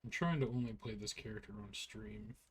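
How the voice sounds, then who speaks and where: Tired and yawning, a man with a lowish voice talks fairly quickly while playing an online role-playing game on stream. His casual commentary rambles along, full of "like," over a little hiss or hum.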